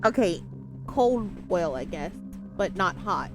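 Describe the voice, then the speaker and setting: A woman's voice: medium pitch, animated, slow pace, music in the background. A woman playing a tabletop game with brash, playful casual banter. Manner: brash, profane.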